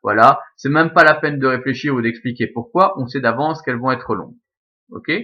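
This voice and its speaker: A man's voice: mid-range voice, brisk. A man with a Belgian French accent teaching a recorded Latin lesson, explaining step by step with many fillers and self-corrections. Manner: patient, methodical, with frequent fillers and self-corrections. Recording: slightly dull lo-fi sound.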